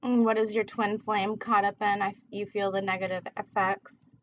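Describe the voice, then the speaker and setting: A woman's voice: mid-range voice, little pitch movement, moderate pace, a little hiss or hum. A woman chatting casually on a livestream as a tarot reader, rambling in a laid-back, slangy way while she smokes. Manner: smoking while talking. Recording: dull, muffled lo-fi livestream audio.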